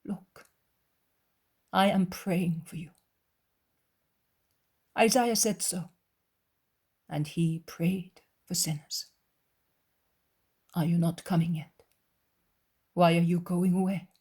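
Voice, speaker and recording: A woman voicing a gentle, calm Jesus in a soft, hushed, tender way. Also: lowish voice, slow pace, pauses often, slightly rough, full character voice.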